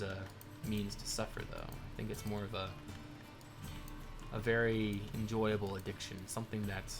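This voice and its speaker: A man hosting a live stream, casually chatting while he builds and answering viewer questions as they come in. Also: lowish voice. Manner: thanks followers and answers viewer questions in a relaxed ramble. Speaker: livestream host building in a game. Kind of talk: casual live commentary reading chat. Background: faint game soundtrack music.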